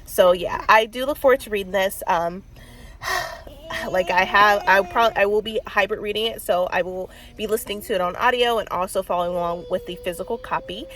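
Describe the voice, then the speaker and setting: A congested woman in her thirties records her book vlog from a car, talking casually with plenty of fillers, small laughs, and rambling. Her voice is mid-range, brisk, and fairly bright.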